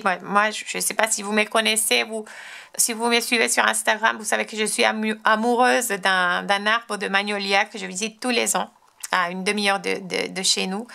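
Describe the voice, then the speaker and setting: French woman, crafting host, very gravelly and bright-toned, chatty and enthusiastic. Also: mid-range voice. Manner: chatty, enthusiastic, frequent restarts and fillers. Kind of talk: casual show-and-tell tutorial.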